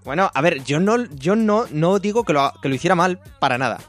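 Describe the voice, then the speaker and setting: A man with a Spain Spanish accent, hosting a casual film review chat, blunt and quick to swear. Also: fairly high pitch, expressive, soft background music. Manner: blunt, swears freely, rants.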